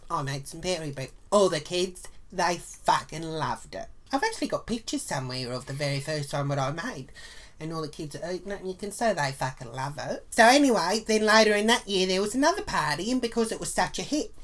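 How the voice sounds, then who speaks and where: An Australian woman vlogger with a lowish, expressive voice speaks a little fast while telling a crude story and walking through a cooking tutorial, swearing bluntly the whole way.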